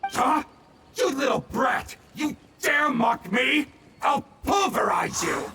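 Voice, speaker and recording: A man voicing a menacing, blustering bandit in a game, shouting threats and mocking. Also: on the high side, wildly swooping pitch, a little slow, roomy sound, far from the mic, background noise. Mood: furious. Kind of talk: game voice acting.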